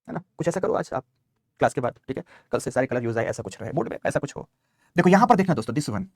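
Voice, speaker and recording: A man's voice: a little high, darkish tone, no room sound, studio quality. A man teaching a geography map lesson. He repeats key terms and calls his students "beta". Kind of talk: online map lecture.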